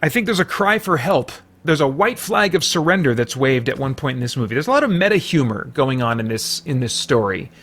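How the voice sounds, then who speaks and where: A podcast host and film reviewer gives an unscripted movie review, speaking emphatically but rambling and halting with repeated false starts. His medium-pitched voice is very animated and fairly bright.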